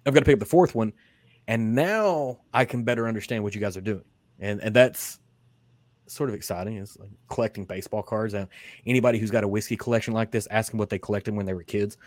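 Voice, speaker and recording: Podcast host, male, lowish voice, rambling casual delivery, dry close recording. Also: fairly quick, darkish tone, no room sound. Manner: rambling, many restarts and fillers. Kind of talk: casual interview chat.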